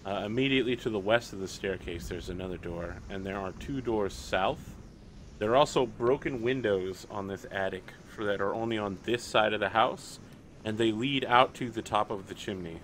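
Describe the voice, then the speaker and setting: A man's voice: lowish voice, moderate pace, fairly bright tone. A man acting as game master, describing scenes in a tabletop game. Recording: clear background noise.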